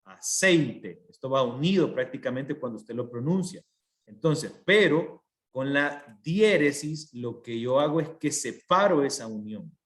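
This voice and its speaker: A male teacher leads an online language lesson in a medium-pitched, animated but unhurried voice. He is patient, explaining things step by step and frequently checking that his students are following.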